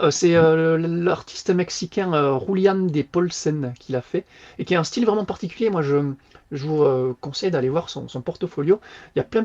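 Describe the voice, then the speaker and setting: Man, podcast co-host, casual book review, slangy and animated, fairly high voice, muffled lo-fi sound.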